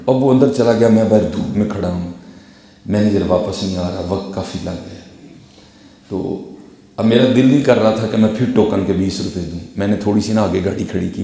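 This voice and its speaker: A man delivers a storytelling sermon, speaking in a low, gravelly and mellow voice. His words ring through a large hall with a long, echoing reverb. He keeps calling his listeners "Hazrat" as he tells his story. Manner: anecdotal, addresses listeners as "Hazrat". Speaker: preacher.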